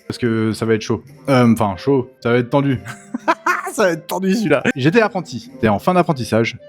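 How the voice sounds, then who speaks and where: A young man, a tattoo artist, telling wild shop stories in a lively, slangy vlog, leaping up in pitch for emphasis. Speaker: tattoo artist and channel host. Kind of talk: animated storytelling vlog.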